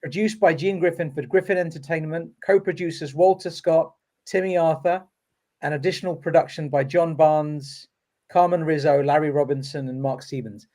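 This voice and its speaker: A man's voice: on the high side, steady tone, normal speed, darkish tone. A man co-hosting a podcast, reading album credits aloud and asking pointed questions. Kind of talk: casual podcast chat.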